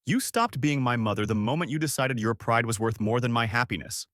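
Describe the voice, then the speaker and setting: A man's voice: medium pitch, animated, brisk, a bit bright, no room sound, clean studio sound, natural voice. A man playing a wealthy son who coldly banishes his scheming mother, in a storybook reading. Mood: furious. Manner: cold, commanding, angry.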